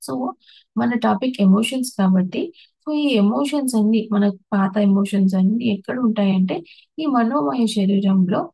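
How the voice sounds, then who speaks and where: Gravelly, husky woman teaching meditation. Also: mid-range voice, moderate pace, dark tone, no echo, rough recording. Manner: explains patiently, lists terms one by one with restarts. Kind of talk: spiritual talk on emotions.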